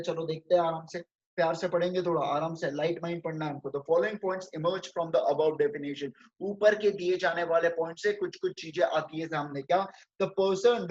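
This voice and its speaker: A high-pitched Indian man giving a classroom lecture. He reads English definitions slowly, then explains them in casual Hindi and keeps asking his students questions. The recording sounds slightly dull and muffled. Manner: addresses students as friends. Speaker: chartered accountancy lecturer.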